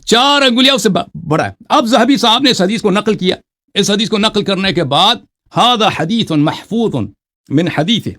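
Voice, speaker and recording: A man's voice: high-pitched, fairly bright tone. A man debating religion, who reads Arabic quotations aloud and then explains them in a mocking way, often checking with "right?". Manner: mocking, keeps asking "right?". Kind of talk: religious debate, citing texts.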